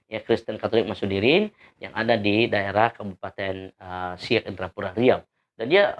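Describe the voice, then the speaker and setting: Gravelly man giving earnest testimony. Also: mid-range voice, lo-fi sound. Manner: earnest, emphatic, with frequent hesitations. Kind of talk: spoken testimony to an audience.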